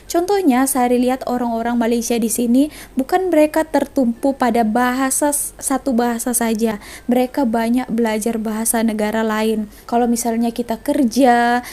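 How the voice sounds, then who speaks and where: A woman's voice: on the high side, darkish tone. A young Indonesian woman chatting casually on a reaction vlog, mixing Indonesian and Malay. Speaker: vlogger. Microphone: phone camera.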